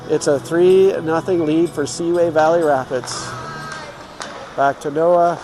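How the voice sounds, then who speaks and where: A man giving informal, home-team live play-by-play commentary on youth hockey. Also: a little high. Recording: clear rink noise behind.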